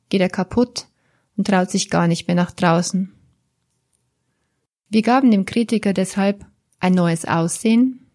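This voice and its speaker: A woman therapist talks to the listener in an unhurried, measured way. Her voice sits in an ordinary middle pitch. She sounds calm and gentle and addresses the listener directly. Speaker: therapist or coach. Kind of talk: slow, guiding talk to the listener.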